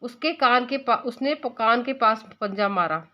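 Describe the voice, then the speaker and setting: A woman teacher walking young pupils through a story lesson. She keeps asking questions and explains each word patiently. Her voice sits a touch high. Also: a little slow, dull audio. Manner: asks the children questions and explains words. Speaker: school teacher.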